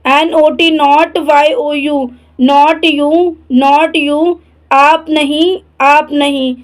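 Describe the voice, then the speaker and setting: A woman's voice: high-pitched, level tone, very slow. A woman teaching English words, spelling each one letter by letter, saying it twice, then giving its Hindi meaning. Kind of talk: slow spelling drill.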